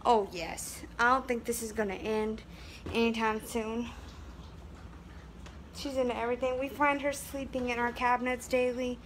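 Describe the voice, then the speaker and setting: A woman's voice: fairly high pitch, steady tone, normal speed, slight background noise. Chatty American woman scolding her dog. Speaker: dog owner vlogger. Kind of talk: casual home vlog. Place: inside a house. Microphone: handheld phone camera.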